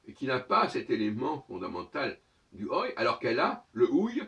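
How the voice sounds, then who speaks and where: Lively-voiced man lecturing from the mic's edge. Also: medium pitch, vocal fry, recorded from a distance. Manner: professorial, argumentative, pausing on "euh" to search for words. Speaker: speaker of his own channel. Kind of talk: lecturing monologue.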